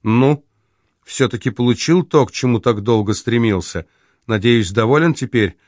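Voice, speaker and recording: A man's voice: mid-range voice, moderate pace, no room sound, close to an everyday voice. A bitter, anguished young woman, voiced by a male audiobook reader. Her words come pleading and then turn contemptuous and threatening. The sound is dry and close, with no room around it. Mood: scornful, threatening.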